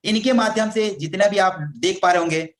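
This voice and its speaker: A man giving an energetic, persuasive motivational sales presentation as a team leader. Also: high-pitched, brisk. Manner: energetic, persuasive, addresses listeners as friends. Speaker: network marketing team leader.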